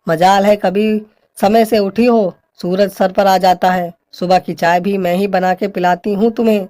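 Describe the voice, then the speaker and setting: A woman's voice: mid-range voice, fairly even intonation, a little slow, mellow, close to an everyday voice. A woman playing a bossy, complaining older mother-in-law who scolds her daughter-in-law. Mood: scolding.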